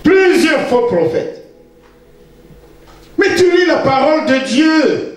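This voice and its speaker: A man in his fifties preaching a Sunday sermon as pastor, emphatic and teasing, now and then bursting into shouts. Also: very high-pitched, expressive, slow pace. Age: 50s. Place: church. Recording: echoey church hall, distant mic.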